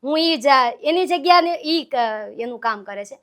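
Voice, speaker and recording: A woman's voice: high-pitched, expressive, normal speed, a bit bright. A woman, from Saurashtra in Gujarat, speaking as a guest folk singer in a casual interview and telling her stories earnestly. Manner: earnest, heartfelt, storytelling.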